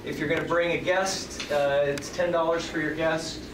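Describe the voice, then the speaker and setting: Man professor, slightly high voice. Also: steady tone, moderate pace. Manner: conversational, chatty with fillers. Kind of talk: classroom lecture. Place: classroom. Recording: roomy classroom audio from far off, loud background noise.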